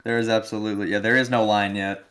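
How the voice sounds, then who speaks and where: A young man co-hosting a casual sports podcast, blunt and quick to swear. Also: lowish voice, level tone, a bit bright, slight background noise. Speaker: podcast co-host.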